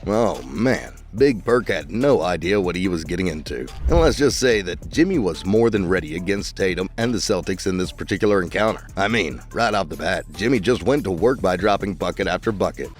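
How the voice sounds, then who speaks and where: A man with a low, deep voice narrates scripted basketball commentary, poking fun at the people he quotes. Soft music plays under him. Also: expressive, brisk, few pauses. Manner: mocking, opinionated. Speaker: sports video narrator.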